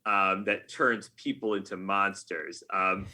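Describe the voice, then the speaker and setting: His voice sits low, with a steady, bright, and forceful tone, and he speaks at a slow pace. This American video game writer answers conversationally as a podcast guest, repeatedly backing up and rewording his explanations.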